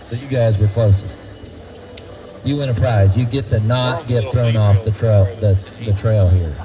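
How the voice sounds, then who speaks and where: A man's voice: on the low side, a little slow, low-quality recording. A man guiding a group through a feed mill, folksy and quizzing the crowd. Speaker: tour guide at a feed mill. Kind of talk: guided tour talk to a group.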